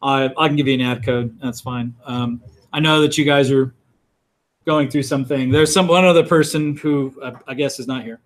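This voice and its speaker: Here a middle-aged man teaching college speaks at medium pitch, with fairly even intonation and a moderate pace. It's a classroom lecture where he calls roll, talking informally and often restarting or filling pauses.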